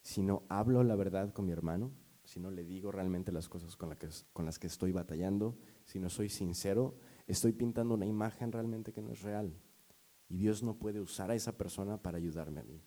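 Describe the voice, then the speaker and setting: A man's voice: low voice, fairly quick, warm tone. A man preaching a sermon as a pastor, talking to the congregation in a conversational, storytelling way.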